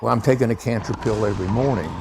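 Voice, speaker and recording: A man's voice: fairly low pitch, very fast, vocal fry, heavy background noise. A man in his seventies, a retired TV host, reminiscing in an interview. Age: 70s.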